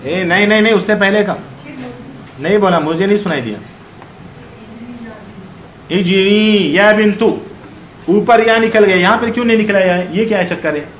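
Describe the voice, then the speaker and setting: Higher-voiced man teaching grammar in an echoey room. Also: quick pace, fairly bright tone, a little hiss or hum. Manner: quizzes students, corrects patiently. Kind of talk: online Arabic grammar class.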